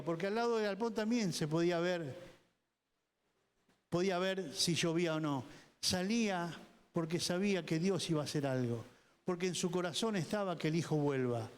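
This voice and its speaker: A man with a Rioplatense Spanish accent, a pastor preaching a sermon with emphatic repetition. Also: high-pitched. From Argentina. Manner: emphatic preaching, repeating words, voicing people in quotes. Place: church hall. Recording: church hall reverb.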